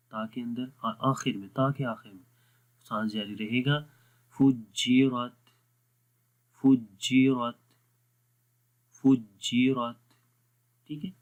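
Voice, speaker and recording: Slow, patient male Quran teacher. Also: mid-range voice, low-quality recording. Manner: patient, repeats letter sounds slowly and deliberately. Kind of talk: slow explanatory lesson with drawn-out recited examples.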